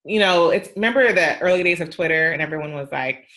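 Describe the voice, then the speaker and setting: A middle-aged woman, a PR and social media adviser appearing as a podcast guest, chats in a relaxed conversation in a slightly low voice. She talks fast and emphatically, leaning on fillers like "um" and "you know".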